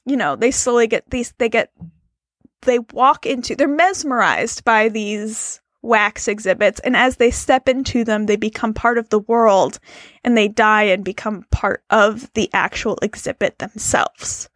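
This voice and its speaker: A woman co-hosting a casual movie chat, animated and rambling, laughing often. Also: on the high side, a little slow, no echo, studio quality. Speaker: podcast co-host.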